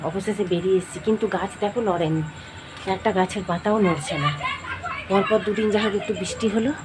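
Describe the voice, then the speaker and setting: A hoarse, unwell middle-aged woman, walking outside at night and chatting straight to her vlog viewers. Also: mid-range voice. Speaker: vlogger. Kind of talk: casual daily vlog chat. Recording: loud street and traffic noise.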